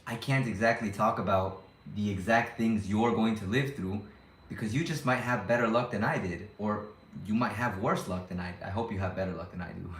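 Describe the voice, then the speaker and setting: Vlogging from abroad, a young YouTuber rambles casually to his audience, questioning himself and frequently starting sentences over. His voice is lowish and a bit bright, heard in an echoey room.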